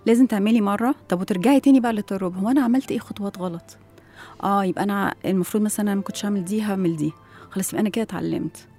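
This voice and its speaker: Her voice is warm and mid-range: a woman with an Egyptian Arabic accent, interviewed as a guest education expert, sets out her ideas and often throws in rhetorical questions.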